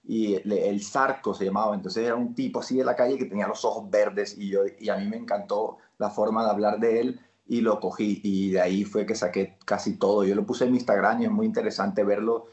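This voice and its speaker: A man's voice: lowish voice, brisk, hardly any pauses, roomy sound, dull audio. A man from Barranquilla with a Colombian Caribbean accent, an actor guest telling stories in casual interview chat. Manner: animated storyteller, laughs while acting out lines.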